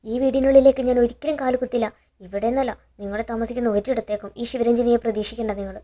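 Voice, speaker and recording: A woman's voice: a little high, steady tone, fast, mellow, lightly acted. A woman voicing a proud, defiant young woman while retelling a serial.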